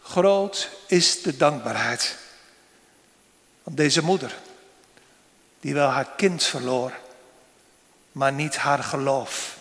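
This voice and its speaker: A man preaching a sermon to a congregation, slow and solemn, with long pauses between phrases. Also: mid-range voice, a bit bright. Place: church. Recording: long church reverb.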